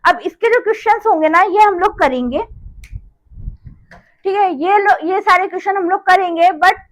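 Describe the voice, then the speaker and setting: A woman's voice: very high-pitched, normal speed, low-quality recording. A woman teaching a maths lesson in a chatty, casual way, going over each step again and checking in often. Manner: chatty, repeats each step with "theek hai".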